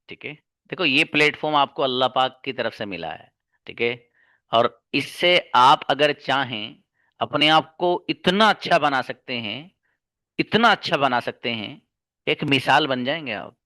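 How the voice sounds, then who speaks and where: A man's voice: medium pitch, sharp tone, dry recording. A man teaching an online English class, speaking earnestly and reassuringly to his students and repeating points for emphasis. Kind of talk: live online class, encouraging lecture.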